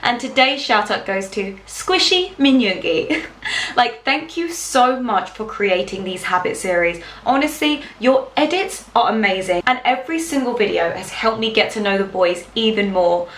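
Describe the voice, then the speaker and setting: A woman's voice: mid-range voice, animated, moderate pace, a bit bright, echoey room. A woman vlogger chatting casually as she reacts to a video, bubbly and gushing, laughing often.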